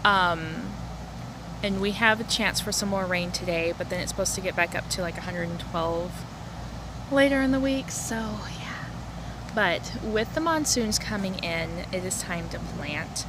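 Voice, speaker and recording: Chatty woman vlogging amid clear outdoor noise. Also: fairly low pitch, lively intonation, moderate pace. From lives in the Arizona desert, US. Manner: informal, rambling, chatty. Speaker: host of a home gardening vlog. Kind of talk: casual chat to camera. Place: outdoors in a backyard garden and porch. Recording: noisy outdoor recording with ambient sounds. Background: rooster crowing, chickens, outdoor ambience.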